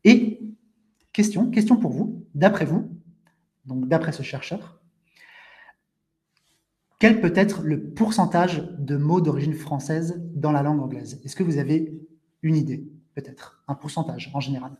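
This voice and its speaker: A man hosting a live online language webinar, explaining things slowly with frequent restatements and talking to viewers in the chat. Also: on the high side, darkish tone. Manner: interactive, addresses viewers in the chat. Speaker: French teacher hosting a webinar.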